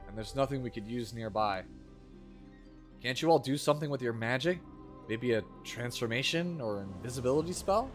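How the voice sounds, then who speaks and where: A man's voice: medium pitch, pitched below the performer's own voice, lightly acted. A man doing amateurish voice acting as a stern, curt fugitive in fantasy game dialogue, reading it aloud. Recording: loud game music behind.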